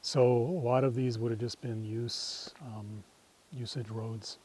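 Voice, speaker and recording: Man, middle-aged, mellow soft-edged tone, mid pitch, walk guide, thoughtful, tentative, trailing phrase endings. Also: steady tone, slow pace, slightly rough. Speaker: guide leading a nature walk. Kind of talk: informal guided-walk talk. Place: outdoors on a farm trail.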